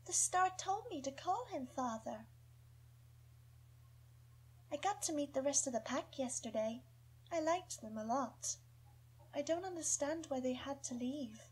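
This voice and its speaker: A woman's voice: sits high, lively intonation, measured pace, long pauses, voice pushed up, poor audio. A woman voicing an affectionate young female wolf pup with a sweet young voice. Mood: dreamy.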